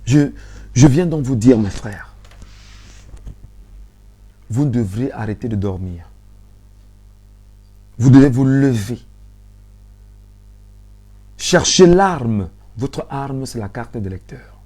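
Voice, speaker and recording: A man with a Cameroonian French accent hosting a live stream, speaking softly but insistently, repeating phrases as he pleads with viewers. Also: medium pitch, slow, pauses often, husky. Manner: mostly soft-spoken, swelling to urgency.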